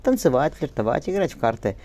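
A man's voice: mid-range voice, sing-song, a little fast, a little mellow, pitched above the performer's own voice. A man voicing a resolute young mother. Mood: determined. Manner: firm, tender with her daughter. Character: resolute young mother locked in her bedroom.

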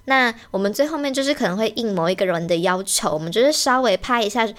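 A young woman, co-hosting a podcast in casual chat, giggly and animated. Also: on the high side. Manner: giggly, animated, quick to mimic friends. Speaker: podcast co-host.

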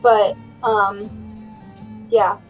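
A woman's voice: mid-range voice, level tone, very slow, dull audio, soft background music. A woman streamer guesting on a podcast, talking casually and hesitantly with lots of fillers. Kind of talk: casual chat.

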